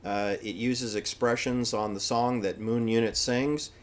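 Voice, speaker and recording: A man's voice: mid-range voice, fairly even intonation, unhurried. A man with an American accent delivers an opinionated, improvised monologue, making blunt, dismissive assertions and repeating phrases for stress. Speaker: solo commentator.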